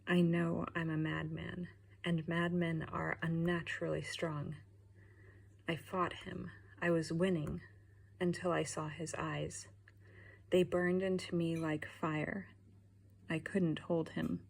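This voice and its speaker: A woman reading an audiobook, voicing a dying madman who tells his story in a husky whisper. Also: sits low, flat delivery, takes it slowly, heavily acted. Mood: fading. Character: mad male asylum patient, creepy, whispering.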